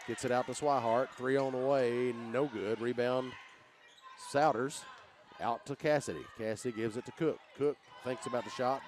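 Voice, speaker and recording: A man from calling basketball play-by-play in short, quick phrases that rise when shots fall. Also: medium pitch, noisy background. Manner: rapid terse play calls, rising when shots fall. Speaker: play-by-play announcer.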